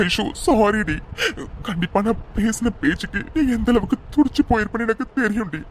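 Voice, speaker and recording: A man's voice: high-pitched, lively intonation, a little fast, a little hiss or hum. A man voicing a tearful, remorseful young lover. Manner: apologetic, tearful, repeating "sorry". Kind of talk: cartoon drama voice acting.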